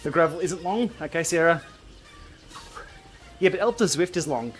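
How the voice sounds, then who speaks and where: A man's voice: a little high, expressive, normal speed, faint music behind. A man hosting a casual livestream, bantering and thinking aloud as he chats during an indoor cycling game. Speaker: livestream host.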